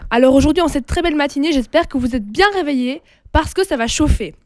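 A young Belgian woman with a Belgian French accent, working as a radio columnist, hosts a playful mock lesson in a radio studio as a teasing quizmaster. She talks quickly in a high voice with no room sound and faint music behind her.

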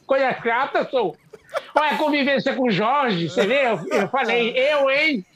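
A man's voice: very high-pitched, fairly bright tone. A man playing a boastful, stubborn older bricklayer, blustering and cursing on a radio show. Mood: grumbling, boastful. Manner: blustery, quick to grumble and curse. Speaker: comic character on a radio show.

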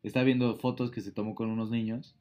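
A man's voice: lowish voice, level tone, a little fast, dark tone. Man retelling a film plot. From Mexico. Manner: storytelling with many fillers. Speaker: podcast co-host. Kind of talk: casual chat retelling a film.

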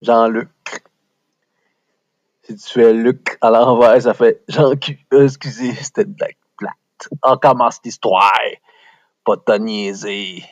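A man's voice: medium pitch, fairly even intonation, slow, no room sound, dull audio. A man with a Québécois accent hosting an improvised storytelling show, rambling and joking as he goes. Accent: Québécois French. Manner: rambling, jokey. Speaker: storyteller host.

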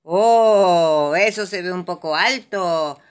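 A woman's voice: fairly high pitch, sing-song, moderate pace, a bit bright, voice pushed up. A woman voicing a worried father pig from a children's storybook. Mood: nervous.

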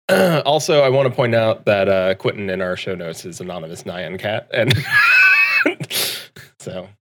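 A man's voice: fairly low pitch, measured pace, long pauses, shouting, slight background noise. A man hosting a casual gaming podcast chat, laughing often as he talks. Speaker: podcast host.

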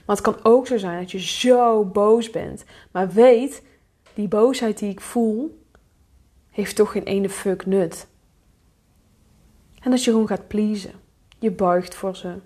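A woman's voice: medium pitch, steady tone, unhurried, warm tone. Direct, confronting woman podcast host. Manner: direct, confronting, speaks to the listener as "you"; acts out inner thoughts in a dropped, muttered voice. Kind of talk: solo podcast monologue.

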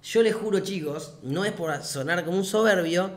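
A man's voice: sits high, moderate pace. A young man with a Rioplatense Spanish accent, telling a casual anecdote in a laid-back, slangy and profane way. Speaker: vlogger. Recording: echoey room.

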